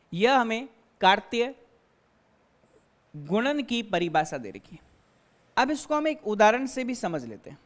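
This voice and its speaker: A woman math teacher giving a classroom lecture, explaining step by step and asking and answering her own questions. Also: medium pitch. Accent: Hindi-speaking Indian.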